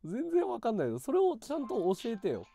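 A man's voice: very high voice, huge pitch swings, a little fast, vocal fry, dark tone, soft background music. A man in a casual phone conversation, insistent and questioning, often repeating himself to press the point. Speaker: livestreamer talking to a viewer.

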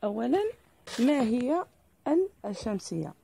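A woman teacher with a Moroccan accent, explaining a lesson to pupils slowly and deliberately, spelling out each example. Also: a little high, sing-song, vocal fry, dark tone, slightly rough, no room sound.

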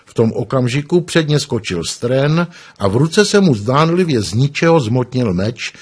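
Brief: man, audiobook narrator, husky, expressive, animated pitch. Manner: expressive storytelling.

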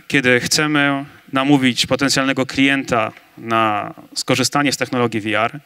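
Bright, energetic man debating on stage. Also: medium pitch, clear, resonant tone. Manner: energetic, emphatic, building to big claims. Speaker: conference debater on augmented reality. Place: large conference stage with audience. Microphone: handheld mic.

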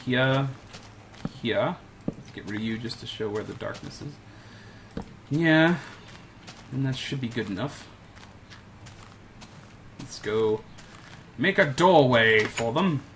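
Slow-talking man chatting over gameplay. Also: mid-range voice, lively intonation, a bit bright, a little hiss or hum. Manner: chatty, mutters to himself, talks to in-game animals. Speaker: gameplay commentator. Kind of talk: casual let's-play commentary.

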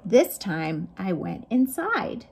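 Reading picture books to children, this middle-aged librarian speaks slowly in a sing-song, creaky, mid-range voice that's a little mellow. She chats with the kids through questions and asides, and there's slight noise in the background.

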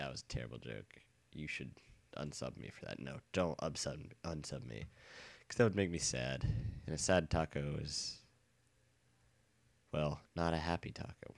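A man's voice: very deep voice, gravelly, no room sound. A man giving casual, rambling commentary while playing a game, nasal from a cold, joking and swearing freely. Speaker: let's play host.

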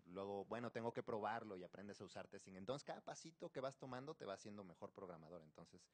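A man with a low-pitched voice explains things informally. He is encouraging and often adds little tag questions. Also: lively intonation, fast talker, husky. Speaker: conference attendee, programmer.

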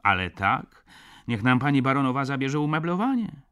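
A man's voice: mid-range voice, big pitch swings, moderate pace, bright, forceful tone, smooth, pitched above the performer's own voice. A man reading an audiobook, voicing a smug young male student who speaks with sweet, mocking politeness. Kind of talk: audiobook character voice.

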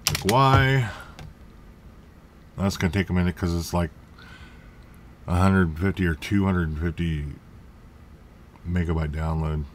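A man with a deep voice speaks unhurriedly and pauses often, with slight background noise. He hosts a casual screen-recorded computer tutorial, rambling, correcting himself, and tossing in jokey asides.

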